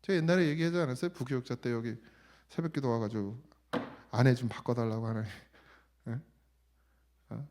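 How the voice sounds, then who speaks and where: A middle-aged man preaching a conversational sermon in a church, sometimes quoting God in a lowered voice. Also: fairly even intonation, fairly quick, long pauses, a little mellow, slight background noise. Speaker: pastor. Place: church sanctuary.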